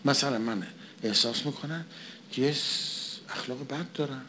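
Over background noise, a man with a mid-range voice delivers a conversational sermon. He asks his own questions, answers them, and repeats phrases for emphasis.

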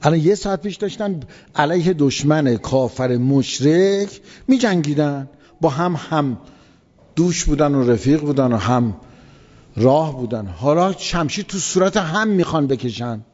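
A man's voice: fairly high pitch, lively intonation, darkish tone. A man preaching, retelling an old story in casual speech and repeating words for emphasis. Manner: vivid retelling with emphatic repetition. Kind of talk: colloquial religious storytelling lecture. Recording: long hall reverb, dull lo-fi sound.

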